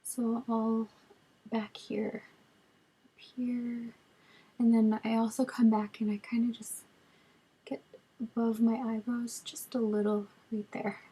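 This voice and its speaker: A beauty vlogger in her twenties, hoarse and raspy from a cold, chats through a makeup tutorial in a relaxed way with plenty of ums as she applies products. She records on a webcam at arm's length in a small indoor bedroom with storage shelves, so the audio is rough. Her voice is fairly high, slow, and broken by long pauses.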